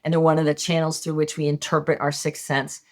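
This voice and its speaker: A middle-aged woman who works as a hypnotist and medium appears as a podcast guest, speaking in a low, level, slightly mellow voice at a slightly fast pace. The interview feels like conversational teaching, and she's casual and candid, swearing now and then.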